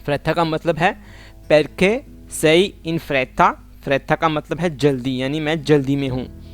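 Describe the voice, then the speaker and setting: Slow, careful man teaching a language. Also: fairly high pitch, soft background music. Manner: repeats phrases slowly and carefully, explains in plain terms. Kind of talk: slow spoken language lesson.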